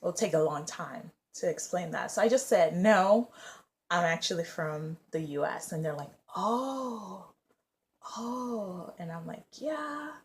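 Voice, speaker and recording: A woman's voice: lowish voice, expressive, takes it slowly. A young woman in her twenties, raised in the US, chatting casually and rambling with lots of fillers. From Nigeria, raised in the US. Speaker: vlogger and English teacher. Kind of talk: casual vlog chat.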